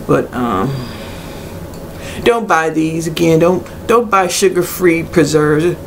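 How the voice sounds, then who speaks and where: A middle-aged woman giving a blunt, casual product review in a hesitant way with many pauses. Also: low voice. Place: small cluttered room indoors. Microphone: webcam at arm's length. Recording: noisy webcam recording with room ambience.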